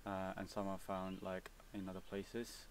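A young man with a Swedish accent answers viewer questions outdoors in a relaxed, hesitant way, with many fillers and restarts. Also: low voice, unhurried, far from the mic, a little hiss or hum. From Sweden. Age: young adult. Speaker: vlogger. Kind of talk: casual Q&A answers. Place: outdoors, seated on a cabin bench by woods.

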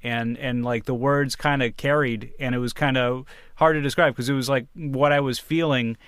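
A man's voice: medium pitch, fairly even intonation, normal speed, fairly bright tone, clear, resonant tone, no echo, studio quality. A man, a podcast co-host who wrote the story, chatting casually and reflectively, searching for words as he explains. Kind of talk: casual chat.

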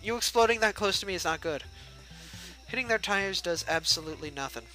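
Lively joking man streaming a game. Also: sits high, fairly quick, faint music behind, low-quality recording. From United States. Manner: joking, chatty, talks to the game characters. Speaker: gameplay livestreamer. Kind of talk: casual let's-play commentary.

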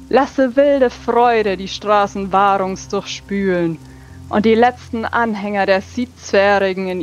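A woman playing a grand priestess in a tabletop game, declaiming a prayer like a hammy stage actor. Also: fairly low pitch. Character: theatrical priestess praying grandly to a joy goddess. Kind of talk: dramatic prayer in tabletop role-play. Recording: dull lo-fi mic over background music.

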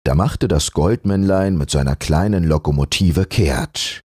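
A man narrating a fairy tale as a gentle bedtime audiobook reader. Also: low-pitched, a little slow, husky, dry recording, clean studio sound. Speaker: storyteller.

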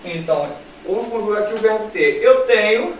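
A man's voice: high-pitched, expressive, a little fast, dull audio, slight background noise. A man with a Brazilian Portuguese accent teaching a grammar lesson, playful and repetitive, speaking straight to his students. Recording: very echoey room, voice far from mic.

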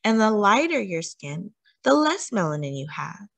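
This woman hosts story time, reading a picture book to children in a mid-range voice that is creaky and fairly bright, with big swings in pitch. Her delivery is deliberate and teacherly, and she asks the young audience questions.

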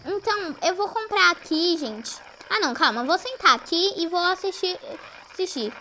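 High, bright, jumpy woman gamer. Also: lively intonation, normal speed, a little hiss or hum. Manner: jumpy and easily frightened, shrieking at scares, constantly addressing viewers. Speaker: gaming YouTuber. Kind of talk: live gameplay commentary.

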